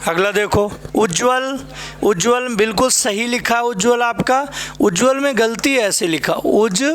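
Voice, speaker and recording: A man's voice: very high-pitched, a little slow, fairly bright tone. A man teaching a Hindi spelling class for exam students, drilling each word over and over and checking in with tag questions. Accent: Hindi from north India. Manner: addresses students fondly as "बेटा" and "भाई मेरे". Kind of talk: spelling lesson at a board.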